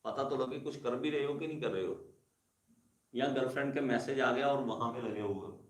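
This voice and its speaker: A man's voice: mid-range voice, a little fast, reverberant. A male engineering teacher giving a classroom lecture, repeating key terms and calling his students kids. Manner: repetitive, addresses students as kids.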